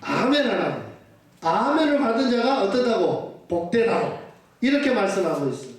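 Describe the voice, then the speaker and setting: High-voiced male preacher in an echoey hall. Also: big pitch swings, moderate pace. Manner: asks the congregation rhetorical questions and answers them; urges listeners to say amen. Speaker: pastor. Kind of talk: sermon. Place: church sanctuary. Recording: echoey church hall from far off.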